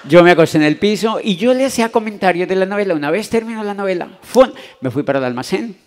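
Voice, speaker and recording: A man from Latin America telling an animated personal story to a convention audience, acting out the voices in it. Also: high-pitched, fast talker. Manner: animated, acts out voices in his anecdotes. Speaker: motivational speaker. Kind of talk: storytelling talk to a live audience. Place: convention hall.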